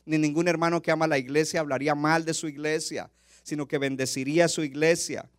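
A man preaching with fervor, his voice sitting a little higher than most men's. The sound is dry and close, with no room echo. He swings from loud, urgent calls to soft, intimate asides. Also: steady tone, quick pace. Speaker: pastor. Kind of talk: sermon.

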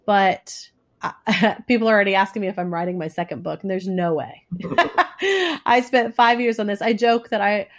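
A woman speaks as a guest in a relaxed interview format. Her nose is stuffed up with a cold, giving her words a congested sound. Her pitch is average and she explains things haltingly. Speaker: interview guest, author and coach. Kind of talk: conversational podcast interview.

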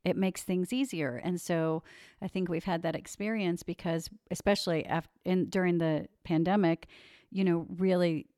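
A woman speaking casually and thoughtfully as a parent about supporting her son, with some halting restarts. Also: on the low side, fairly even intonation, mellow, no echo, studio quality. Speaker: mother of a child actor. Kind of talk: casual conversation.

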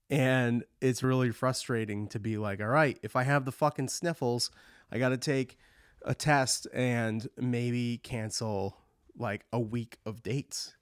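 A touring musician delivers a casual monologue on his own show, rambling candidly and swearing often. His voice is mid-range and fairly bright but congested from a cold, recorded clean in the studio with no room sound.

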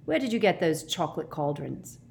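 A woman's voice: sits low, big pitch swings, a little fast, gravelly, darkish tone, a little hiss or hum, heavily acted. A woman voicing a sensible, blunt teenage boy in a storybook reading, incredulous and impatient. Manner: incredulous, blunt, exasperated questioning.

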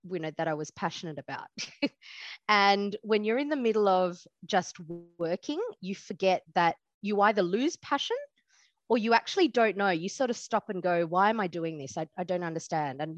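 A woman's voice: fairly low pitch, normal speed, no echo, dull audio. Reflective woman, dry sound. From Australia. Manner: reflective, lots of fillers, laughs easily. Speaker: immigration lawyer, guest. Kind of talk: podcast interview.

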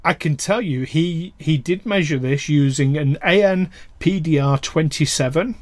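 A man's voice: a little high, normal speed, no echo. A man in casual podcast chat who hesitates a lot, full of ums and restarts.

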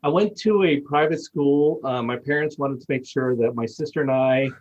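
A man's voice: mid-range voice, moderate pace, a little mellow, muffled recording. A man from Puerto Rico, raised in Miami, telling his story as a guest on a casual podcast. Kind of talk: casual interview.

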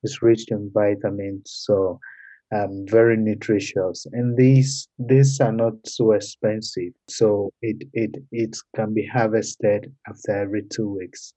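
A young man with a Ghanaian accent, a guest in a podcast interview, speaking in a measured way with frequent pauses and fillers. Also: lowish voice, little pitch movement, dark tone. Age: young adult.

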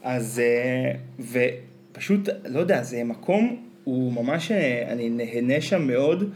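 A man's voice: medium pitch, animated, darkish tone. A man with an Israeli accent in casual conversation as a podcast co-host. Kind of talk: casual chat. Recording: faint ambient background noise.

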